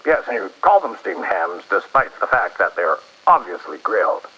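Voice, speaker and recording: Pompous, sardonic male superintendent for vintage radio drama, acted by a man: husky, animated, old radio filter. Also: low voice, normal speed, full character voice. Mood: suspicious. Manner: pompous, wordy, dryly suspicious. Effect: old-time radio filter. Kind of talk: 1930s radio play acting. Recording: muffled, lo-fi 1930s-style radio recording.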